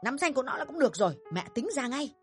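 A woman voicing a shrill, furious scolding mother. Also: very animated, faint music behind. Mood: coaxing. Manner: shrill, bossy, rapid tirades. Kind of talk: audio drama reading.

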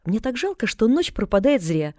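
A woman voicing a cheerful, chatty young girl who talks in a bright, excited, gushing way in an audiobook. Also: a little high, normal speed, dry recording, clean studio sound, pitched above the performer's own voice. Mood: eager. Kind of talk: audiobook character reading.

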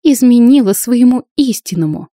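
A spiteful young woman, put on by a female reader, shrieks her theatrical accusations in a storybook reading. The voice jumps well above the reader's own pitch and comes out loud and melodramatic. The recording is dry and close, with a mellow tone. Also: normal speed, no room sound, lightly acted. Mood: accusing.

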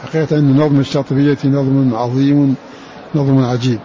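A man teaching the variant readings of the Quran, explaining slowly, repeating words and chanting verse lines. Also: mid-range voice, level tone, warm tone, highs cut off, some chatter behind.

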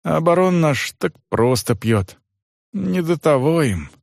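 A man's voice: a little high, lively intonation, takes it slowly, gravelly, dry recording, studio quality, pitched above the performer's own voice, full character voice. A man voicing a simple, chatty peasant servant who talks in a folksy, rambling singsong. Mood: gossipy. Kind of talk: audiobook character voice.

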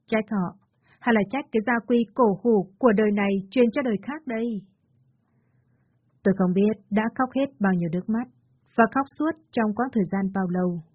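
A woman's voice: mid-range voice, moderate pace, dry recording, lo-fi sound. A woman telling a first-person family drama as narrator, reading every character's lines in her own voice.

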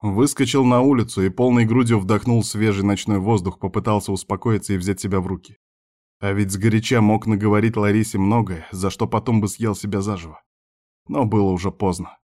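A man reading a first-person novel aloud in a steady, measured storytelling manner. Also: fairly low pitch. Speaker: audiobook narrator. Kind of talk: first-person audiobook narration.

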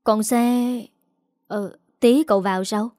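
Audiobook: woman reading a snappish cheating husband, rushed and defensive, dry close sound. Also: on the high side, darkish tone, no room sound, close to an everyday voice. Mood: flustered. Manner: irritated, sneering. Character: defensive unfaithful middle-aged man.

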